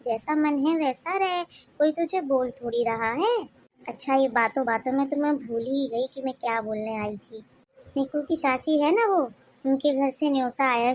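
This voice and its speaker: A woman's voice: sits high, darkish tone, slight background noise, lightly acted. A woman voicing a well-meaning, fussing middle-aged mother-in-law in a cartoon story, scolding in a plaintive, pleading way.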